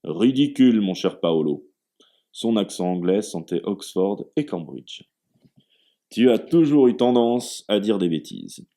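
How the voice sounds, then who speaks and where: Teasing gray-haired hostess, raised light voice, from a deep male reader. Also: big pitch swings, a little slow, dark tone. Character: warm, gray-haired Italian hostess, welcoming.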